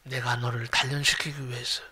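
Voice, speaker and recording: A gentle, fatherly God speaks to his beloved son, as a male preacher voices him in a sermon. The voice sits lower and softer than the preacher's own, slow and solemn, at times sinking to a whisper. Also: flat delivery, breathy edge. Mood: tender, solemn.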